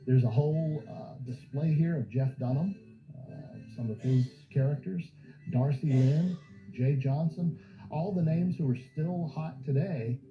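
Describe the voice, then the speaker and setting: A man's voice: on the high side, measured pace. A man speaking as a museum guide in an informal documentary interview, explaining and telling stories. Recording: muffled audio with music behind. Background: background music.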